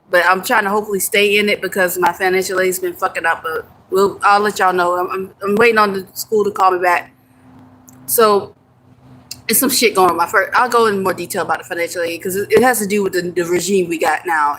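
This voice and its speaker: On a casual live chat, a young livestream host from the United States reads viewer comments and replies, laughing readily and cursing occasionally. Her mid-range voice is a bit bright, and the poor audio carries slight background noise.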